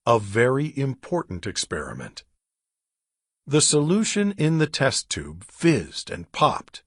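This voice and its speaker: A man reading a children's story aloud slowly and expressively, with dramatic pauses. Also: mid-range voice, fairly bright tone, no echo, clean studio sound.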